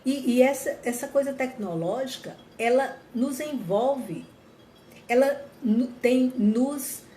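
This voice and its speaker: A woman's voice: sits high, animated, takes it slowly, warm tone. A woman giving an earnest reflective talk on mental health to viewers, often repeating and rephrasing herself. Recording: echoey room, faint ambient noise.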